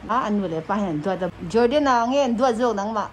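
A playful middle-aged woman with a Mizo accent teases her son and laughs easily in a casual family chat. She speaks with her hand cupped by her mouth, at a middling pitch. A faint bit of noise sits under her voice on the phone recording. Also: lively intonation, a little fast. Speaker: mother appearing in her son's vlog. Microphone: phone camera held by her son.

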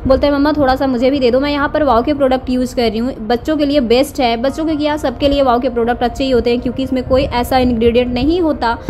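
A woman's voice: high voice, steady tone, fast, few pauses, a little mellow, faint music behind. A woman vlogging at home in a cooing, sing-song baby-talk manner, chatting to a little girl and narrating her day. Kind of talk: casual home vlog, baby talk to a niece. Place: family home indoors.

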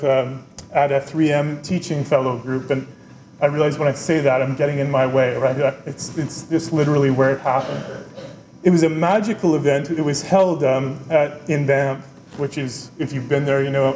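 A middle-aged man, dean of a business school, giving a conversational keynote at a podium and often checking in with "right?". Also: on the high side. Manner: animated, conversational, often adds "right?", gestures with both hands. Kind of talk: keynote speech. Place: lecture room, at a wooden podium, indoors. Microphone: podium microphone. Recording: roomy lecture-room sound, faint background noise.

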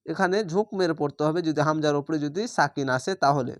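Patient Quran reading teacher, smooth dry voice. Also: medium pitch, quick pace, dry recording. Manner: spells out letters and vowel marks one by one, explains rules patiently; addresses viewers directly, checks understanding. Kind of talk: online recitation lesson.

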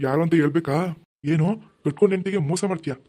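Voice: mid-range voice, fairly quick, mellow, close to an everyday voice. A performer voicing a menacing, mocking ghost in a cartoon. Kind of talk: animated cartoon voice acting.

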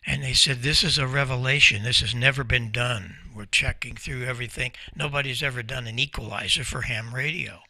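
Seated at a desk in a small indoor ham radio room, an older American presenter and company founder, 70s or beyond, tells stories in an informal, folksy, emphatic talk. Close to a desk mic in front, his medium-pitched voice is brisk and sharp with fairly even intonation, few pauses and no room sound.

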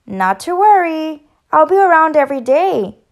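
A woman voicing a cheerful little female yellow bird who teaches, in a storybook read-aloud, with a bright, chirpy, enthusiastic delivery. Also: high voice, expressive, takes it slowly.

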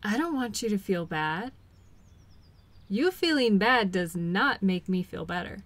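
A woman with a medium-pitched voice plays a caring, patient girlfriend in intimate role-play audio, gently reassuring and comforting her partner. Her delivery is animated yet unhurried and affectionate, with no echo.

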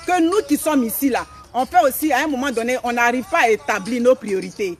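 Faint music plays behind a middle-aged woman from Africa as she briskly leads a motivational live stream outdoors in a forest. Her fairly high voice is emphatic and she repeats her phrases, picked up by a phone camera a few steps away.

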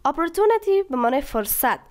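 A woman gives a bilingual vocabulary lesson in a high voice. She reads each English line slowly and carefully. Then she explains the words one at a time. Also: sing-song, darkish tone. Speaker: English teacher.

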